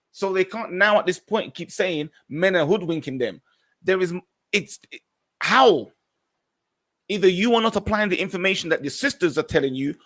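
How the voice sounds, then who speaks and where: Male podcast host, earnest and opinionated. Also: high voice. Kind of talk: live commentary, reading out viewer comments and responding.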